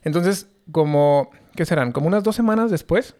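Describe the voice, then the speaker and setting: A man's voice: on the high side, lively intonation, normal speed, warm tone. Slangy young Mexican man telling a story. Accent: Mexican Spanish. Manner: slangy, rambling, many fillers. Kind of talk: casual chat.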